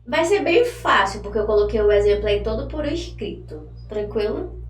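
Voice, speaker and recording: A woman teaching an online English lesson, chatting casually and drilling phrases slowly for students to repeat. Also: medium pitch, sing-song, recorded from a distance, faint music behind. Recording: echoey room, voice from off-mic, faint hum.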